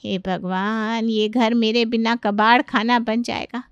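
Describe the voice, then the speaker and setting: A woman's voice: fairly high pitch, little pitch movement, slow, smooth, no room sound, muffled recording. A woman voicing an exasperated middle-aged mother-in-law in a cartoon, complaining and scolding her family. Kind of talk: cartoon voice acting.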